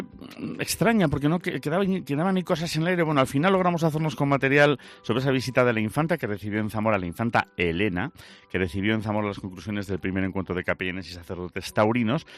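Fast-talking, joking radio host man. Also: lowish voice. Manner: joking, quick, chatty. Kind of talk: local radio magazine show. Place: radio studio. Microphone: studio microphone.

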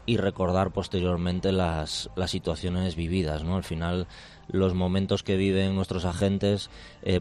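A male police commander with a Spain Spanish accent, answering interview questions in a measured, formal way with frequent hesitations. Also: low-pitched, a little mellow. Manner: measured, formal, hesitant with many fillers and restarts.

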